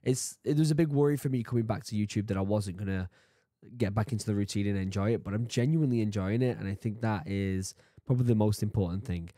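A man in his thirties with a sore throat chats casually while reacting to a video at home, in a room with bookshelves. His voice is on the low side, fast and dark, and he's chatty and jokey, laughing at himself. A studio mic on a boom arm and headphones give clean studio sound with no room sound.

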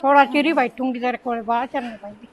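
A woman's voice: on the high side, steady tone, racing, a little hiss or hum, natural voice. An actress playing a meddling village neighbour woman who spreads gossip, with a Punjabi accent and a sly way of talking. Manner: sly, stirring up trouble. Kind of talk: village comedy skit.

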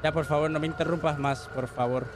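Man, gameplay streamer, highish pitch, jokey, mixes in English, noisy background. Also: steady tone, a little fast. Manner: jokey, mixes in English words, yelps when startled. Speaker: gaming streamer. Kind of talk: live gameplay commentary.

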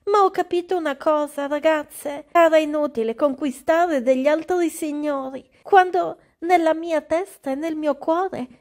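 A woman's voice: sits high, a little slow, hardly any pauses, a little mellow. A woman voicing a cheerful fairy woman in love in a doll-play drama, speaking in a breezy, composed way.

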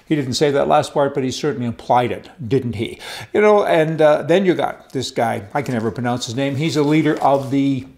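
An older man hosts a political commentary show from a studio with a wooden backdrop, reading from papers and addressing the camera in a chatty, sarcastic manner. His mid-range voice has a darkish tone and moves a little fast.

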